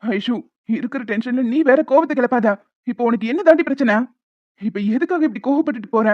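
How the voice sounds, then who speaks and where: A performer voicing a stubborn young husband set on revenge in a homemade cartoon, talking forcefully and insistently. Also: medium pitch, a little fast, close to an everyday voice. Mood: pleading. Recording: dull lo-fi sound with faint music.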